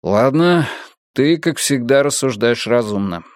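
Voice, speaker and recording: Man reading as calm male detective, wry, unhurried, dry close sound. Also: medium pitch, no room sound, close to an everyday voice. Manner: calm and teasing.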